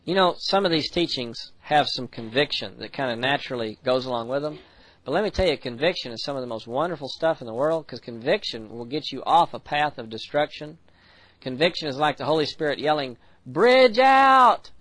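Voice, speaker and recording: An American man preaching a sermon, earnest, slowing down to read scripture and speeding up for quick asides. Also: mid-range voice, a bit bright, no room sound, low-quality recording. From United States. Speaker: pastor.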